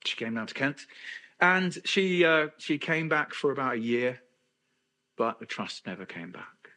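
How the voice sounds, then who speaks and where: A man's voice: mid-range voice, animated, unhurried, sharp tone. A middle-aged man from England giving a candid personal testimony at a men's conference, with self-deprecating humor. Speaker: conference speaker.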